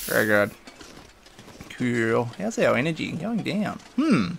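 Chatty gravelly man. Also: mid-range voice, sing-song, slow, fairly bright tone, a little hiss or hum. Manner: chatty, rambling, mutters item names and laughs to himself. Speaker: gaming video host. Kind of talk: casual gameplay commentary.

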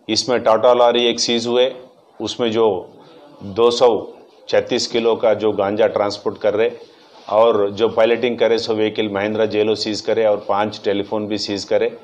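A man, a police officer giving a plain, matter-of-fact statement at a press meet. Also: lowish voice. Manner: plain matter-of-fact recounting with loose grammar.

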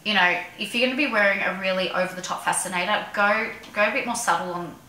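An Australian woman co-hosting a casual chat, quick to agree and chiming in often. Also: medium pitch, bright, forceful tone. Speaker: co-host. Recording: echoey room.

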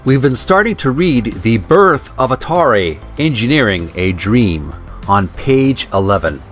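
In a mix of read-aloud narration and channel talk, a man speaks courteously to his listeners, at times stumbling and then correcting himself. His medium-pitched voice is expressive and measured in pace. Music can be heard behind him.

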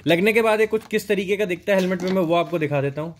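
With a high-pitched, rapid-fire delivery, a young adult man unboxes a product, explaining it casually and mixing in English words. He reviews products at a helmet and riding gear store and records indoors there, where store ambience creates noticeable background noise.

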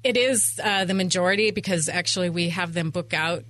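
A middle-aged woman who owns an event venue is a guest on a radio interview, chatting at length and packing her talk with anecdotes. She speaks briskly into a studio microphone on a boom arm, her lowish voice fairly bright.

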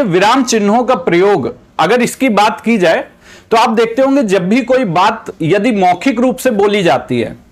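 High-voiced man giving a Hindi-medium lecture. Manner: explanatory, repeats and rephrases points. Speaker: teacher. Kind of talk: exam-prep lecture.

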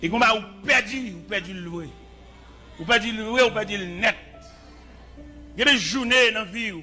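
Man, sermon, high pitch, impassioned with shouts, faint music behind. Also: moderate pace. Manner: impassioned, rising to shouts and short sung lines. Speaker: preacher.

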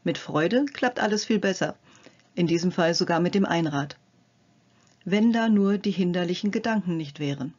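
An older woman, a psychotherapist and health coach, narrating a scripted lesson in a friendly, gently playful way, addressing the viewer directly. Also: lowish voice, expressive, normal speed, breathy edge, lo-fi sound.

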